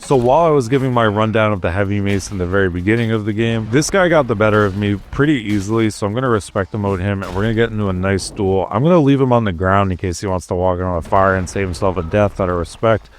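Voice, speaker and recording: A young man giving a relaxed, conversational voice-over commentary on his own gameplay and sharing tips. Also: lowish voice, fast, few pauses, slight background noise. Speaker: gaming YouTuber narrating gameplay.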